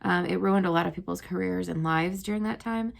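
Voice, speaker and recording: A woman's voice: lowish voice, a little fast, vocal fry. A young woman, a teacher, casually retelling history stories to her students, chatty and full of "um" and "like". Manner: chatty, lots of "um" and "like".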